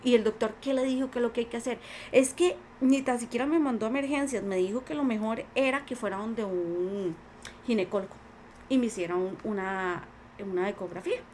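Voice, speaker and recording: A woman's voice: a little high, brisk, a little mellow, a little hiss or hum. A woman with a Costa Rican accent, a podcast guest, earnestly telling her own life story in conversation and acting out what others said. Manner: earnest, many quoted voices. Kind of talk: personal testimony in conversation.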